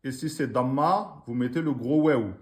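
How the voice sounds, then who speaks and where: A man's voice: medium pitch, normal speed. A man teaching Quran reading in during a live online lesson, patiently sounding out syllables again and again.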